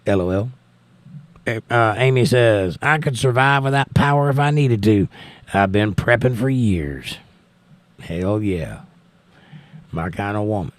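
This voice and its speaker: A man's voice: on the low side, measured pace, long pauses, no room sound. An American man with a crackly voice chats casually as a livestream host, reading out messages and thanking people in a folksy way. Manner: folksy, thanking and blessing listeners. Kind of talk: casual live chat, reading out viewer messages.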